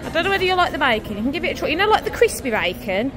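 Brief: higher-voiced chatty mum vlogger in a diner, music running under her. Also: sing-song, rapid-fire, crowd noise. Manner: chatty, upbeat, talks to her kids while filming. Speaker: family vlogger and mother. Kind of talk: casual vlog narration. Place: large busy diner.

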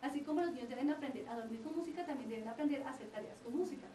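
High, fast-talking woman giving a lecture. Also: warm tone, a little hiss or hum. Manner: explanatory, often checks in with the audience. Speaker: lecturer on child development. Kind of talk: lecture to parents and teachers. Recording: roomy lecture recording from a distance.

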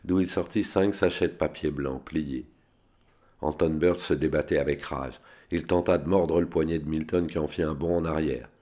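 A man reads a spy novel aloud in a steady, unadorned way. His voice is extremely deep and low throughout. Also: normal speed. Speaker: reader.

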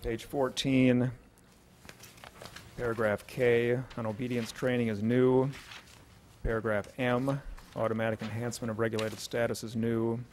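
A middle-aged man, a city official, reading out changes to an ordinance at a podium microphone in a council chamber, in a measured, matter-of-fact way. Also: medium pitch, flat delivery, a little mellow, a little hiss or hum.

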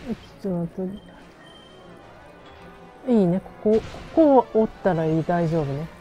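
A woman's voice: fairly low pitch, lively intonation, moderate pace, warm tone, highs cut off. A woman streaming a game, chatting casually and playfully to herself in a western Japanese Chugoku dialect. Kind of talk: casual game-play chat. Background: game music.

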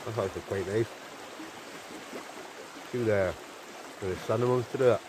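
With a river running in the background, a Scottish man in his forties cooks at his camp and chats casually to camera, musing aloud as an outdoor vlogger. His voice is fairly low and unhurried.

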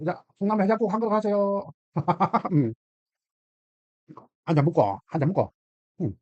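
Here the Gyeongsang-accented host, a middle-aged man, talks at a normal speed in a high-pitched, darkish voice that swings widely in pitch. Chatty and full of exclamations and laughter, he addresses his cooking vlog audience in a dull, dry, lo-fi recording with no room sound.

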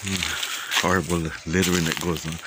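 Out on a windy stretch of coast and scrub, a nature vlogger films a casual walk on the phone camera he holds. His deep voice keeps a level tone at normal speed as he rambles and thinks aloud with many fillers, while loud wind and outdoor noise fill the recording.

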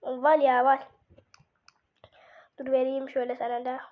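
A woman doing casual gaming role-play, voicing baby characters in excitable, slangy banter with herself. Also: high-pitched, a little slow. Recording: dull lo-fi mic.

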